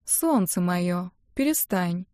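A woman voicing a smug, teasing young man in an audiobook, speaking slowly with mock tenderness. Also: mid-range voice, a little mellow, dry recording, clean studio sound, close to an everyday voice. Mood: mock-tender. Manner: slow, mock-tender, smirking.

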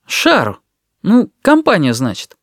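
A man's voice: high voice, huge pitch swings, measured pace, a bit bright, no room sound, studio quality, voice pushed up, exaggerated voice. A man voicing a sullen, slangy schoolboy who grumbles his answers.

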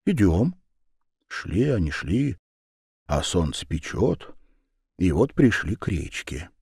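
Low slow man telling a fairy tale. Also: gravelly, slightly rough, no room sound, studio quality. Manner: slow, lively storytelling. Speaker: narrator.

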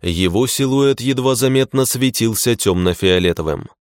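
A man reading a fantasy audiobook in a measured, grim first-person narration. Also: medium pitch, no room sound, studio quality.

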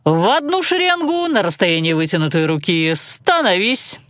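A woman's voice: mid-range voice, sing-song, moderate pace, fairly bright tone, no room sound, clean studio sound. A woman reading an audiobook voices a stern male magic instructor who barks commands and makes sarcastic remarks. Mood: stern commanding.

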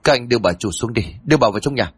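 A man voicing a stern, gruff middle-aged master of the house in a spoken ghost story, giving orders. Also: medium pitch, expressive, rapid-fire. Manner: gruff, commanding.

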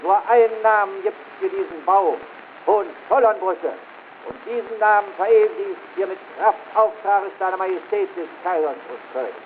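Ein Mann mit deutschem Akzent hält als Amtsträger eine feierliche, pathetisch deklamierte Festrede im Stil des frühen 20. Jahrhunderts auf einer alten Phonographenaufnahme. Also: male voice, high voice, moderate pace. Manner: solemn, declamatory, grandiloquent. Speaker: government official giving a dedication speech. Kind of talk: formal ceremonial oratory, early 1900s. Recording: scratchy, tinny early 1900s phonograph recording.

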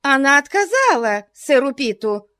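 A woman's voice: sits high, very animated, a little slow, sharp tone, no room sound, clean studio sound, voice pushed up, exaggerated voice. Woman doing a shrieking, hysterical rich old spinster. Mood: furious. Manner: shrieking, imperious.

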